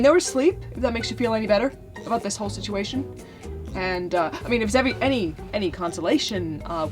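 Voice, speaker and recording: A woman voicing Star-Lord, a boastful, carefree young male space adventurer, telling a rambling, excitable comic story over music. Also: medium pitch, lightly acted. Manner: excitable, rambling, self-mocking. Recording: music playing underneath.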